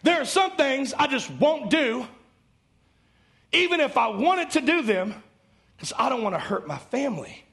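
Fervent gravelly-voiced preacher man. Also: big pitch swings, a little slow, long pauses. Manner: fervent preaching, rising to shouts and dropping low. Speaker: pastor. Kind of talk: sermon.

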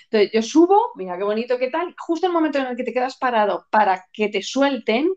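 High-voiced woman, candid chat. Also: expressive, fairly quick, a little mellow, highs cut off. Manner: candid, laughing, jumps between pitches when acting things out. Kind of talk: casual chat.

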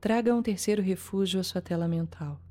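Soothing, mellow Brazilian woman guiding meditation. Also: mid-range voice. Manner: calm, soothing, with long pauses between short phrases. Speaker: guided meditation instructor. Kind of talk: guided meditation narration. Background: soft music.

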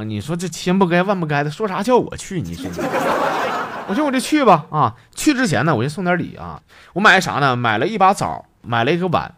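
A man with a Northeastern Chinese accent hosting a comedic podcast, teasing and chatting through his stories with a slightly high voice. His pitch swings widely from line to line. Music plays steadily behind him. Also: fairly bright tone. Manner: chatty, teasing, laughs at his own jokes. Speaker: podcast host. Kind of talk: comic joke-telling monologue.

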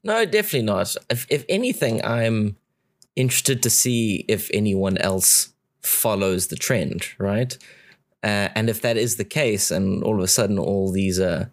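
Deep-ish guy on a podcast, lots of uhs and restarts. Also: normal speed, no echo. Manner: hesitant, many fillers and restarts. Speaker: podcast co-host. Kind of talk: casual panel chat.

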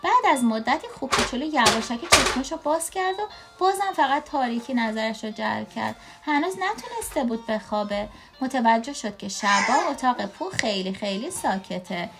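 A woman from Iran in her thirties reading a children's storybook aloud to her child, with expressive asides, music playing behind. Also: on the high side. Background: clear music.

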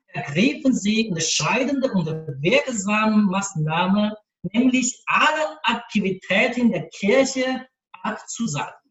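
A man with a Chinese accent reads a letter aloud, carefully and haltingly. He speaks very slowly, pausing between phrases, his voice set back from the microphone. The room around him rings with a noticeable echo. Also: high voice. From China. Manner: slow, careful, halting reading with pauses. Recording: roomy echo, distant mic.

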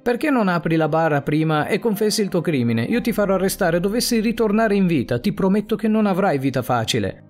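A desperate, self-blaming policeman talks in a somewhat high voice with earnest urgency, as a male narrator reads him. Faint music plays underneath. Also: expressive, brisk, darkish tone. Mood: defiant.

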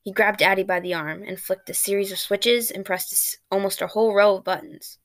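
A woman reading her own short story aloud at a steady pace on her podcast. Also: mid-range voice, brisk. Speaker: podcast host and author. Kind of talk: storytelling narration.

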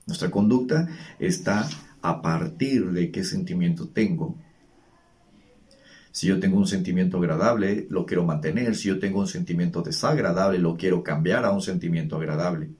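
A man's voice: deep voice, a little mellow. A man giving earnest, teacherly advice on emotions, posing rhetorical questions as he talks. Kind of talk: reflective monologue.

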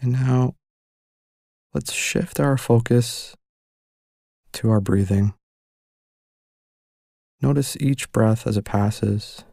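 A man leading a guided meditation in a soft, calm and unhurried way, pausing between short instructions. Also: medium pitch, gravelly, no echo, clean studio sound.

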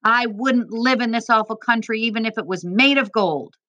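Lady reading as angry refugee dad, wry jokes gone sour, crisp dry voice. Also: mid-range voice, normal speed, sharp tone, no room sound. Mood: furious. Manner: wry joking turning to bitter anger. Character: indignant refugee father, middle-aged man.

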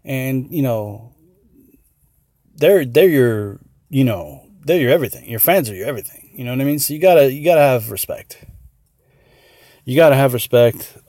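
A man's voice: medium pitch, expressive, normal speed, long pauses, warm tone, no room sound. Rambling man with a dry close sound. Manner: rambling, many fillers and restarts; earnest, gets worked up. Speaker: podcast host. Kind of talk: casual solo commentary.

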